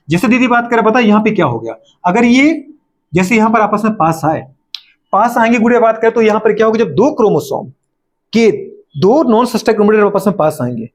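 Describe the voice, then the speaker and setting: A man's voice: sits high, darkish tone. A male biology teacher with a Hindi accent, lecturing a class, often asking questions and answering them himself, teasing his students.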